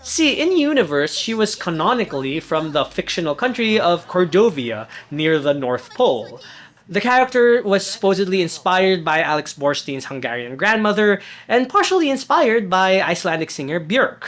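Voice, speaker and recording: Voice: medium pitch, very animated, normal speed, fairly bright tone. A narrator reading a scripted video essay in a conversational tone with wry asides.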